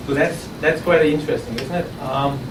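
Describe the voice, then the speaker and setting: Before an audience in a conference room at an innovation event, an Austrian-accented man gives his startup pitch at a moderate pace. He keeps it conversational, often restarting sentences and repeating words. The audience recording sounds roomy, distant and noisy.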